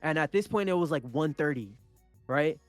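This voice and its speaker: A young man who grew up speaking Punjabi tells a story as a podcast co-host in a casual chat, rambling with frequent restarts and swearing. His voice is fairly high and expressive at a normal speed, with no room sound and faint music in the background.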